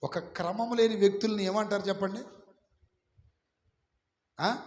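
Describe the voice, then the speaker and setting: A man preaching a sermon as pastor, calling on the congregation to repeat his words back loudly. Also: high-pitched, fairly even intonation, unhurried. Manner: preaching with call-and-response, urging the congregation to repeat. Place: church hall. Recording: echoey hall, some of it from far off.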